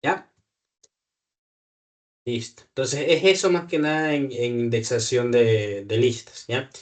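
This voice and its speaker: A man's voice: mid-range voice, slow pace. A man teaching a programming lesson one-on-one, patient and thinking aloud, checking often that his student follows. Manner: patient, checks understanding with frequent "¿ya?"; self-correcting, thinks aloud with fillers. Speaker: programming tutor. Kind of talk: live one-on-one coding lesson.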